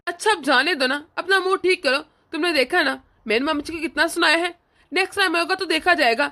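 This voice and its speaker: A scornful young husband in a cartoon, voiced by a woman. He scolds and sneers, and the voice sits very high. Its tone is bright and cutting. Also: quick pace. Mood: sweet-talking. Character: young husband, rude and scornful to his mother. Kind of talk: cartoon voice acting.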